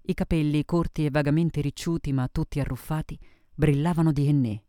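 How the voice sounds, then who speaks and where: A man narrating a novel in the first person with a measured reading manner. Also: on the high side, steady tone, warm tone, dry recording, clean studio sound. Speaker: audiobook narrator. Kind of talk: scripted narration.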